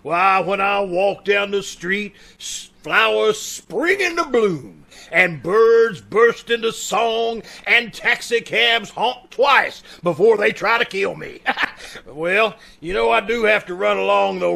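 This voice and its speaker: A woman's voice: mid-range voice, lively intonation, takes it slowly, creaky, a bit bright, exaggerated voice. A woman playing a pompous, sardonic small-town doctor in old-time radio comedy, wry and theatrical. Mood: wry, self-important.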